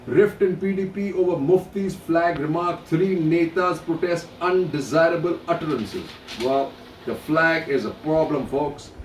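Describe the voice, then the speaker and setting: A man's voice: on the high side, unhurried, far from the mic, slight background noise. A middle-aged man reading news headlines and adding blunt opinions in casual commentary, with hesitant restarts between items. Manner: reads headlines then adds blunt asides. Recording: echoey room, voice off-mic, faint ambience.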